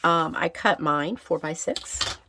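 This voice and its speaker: A woman with a gravelly, raspy whiskey voice, roughened by a recent illness, hosting a casual craft tutorial and chatting as she thinks aloud. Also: sits low, slow, a little hiss or hum. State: getting over a recent illness. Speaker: craft channel host.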